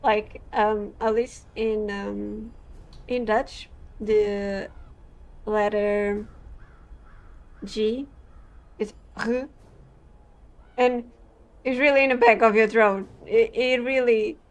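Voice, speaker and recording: A Portuguese woman who creates gaming content reads game text aloud and chats haltingly, with lots of fillers and restarts. Her voice is on the high side and steady in tone.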